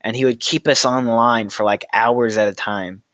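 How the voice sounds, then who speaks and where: A man's voice: mid-range voice, steady tone, normal speed, fairly bright tone, dry recording. A young man casually chatting on a livestream, telling rambling, profane stories and laughing through them. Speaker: livestream host answering chat questions.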